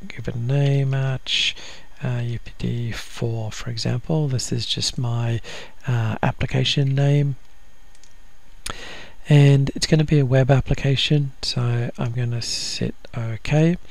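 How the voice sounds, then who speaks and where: A man talks through a software setup one step at a time, his voice gravelly with a flat, level pitch. He hesitates often with ums and uhs, in the unhurried way of a screen-recorded lesson. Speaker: software instructor.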